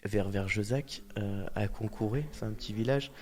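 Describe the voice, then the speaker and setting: A man's voice: fairly low pitch, moderate pace, a little mellow. A man hosting a casual podcast chat in a radio studio, joking, laughing often and trailing off with fillers. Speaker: podcast host.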